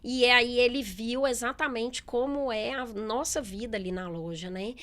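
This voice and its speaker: A middle-aged businesswoman in a relaxed interview, talking candidly with many fillers and quoted asides. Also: on the high side, normal speed. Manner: chatty, candid, lots of fillers and quoted speech. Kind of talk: casual interview talk.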